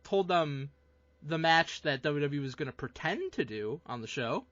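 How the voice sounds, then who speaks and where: A man's voice: on the high side, expressive, normal speed, fairly bright tone, dry recording. A man co-hosting a podcast, introducing a segment and teasing his co-hosts in casual chat. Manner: upbeat segment host, teasing. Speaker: podcast co-host. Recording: dry, slightly muffled podcast audio.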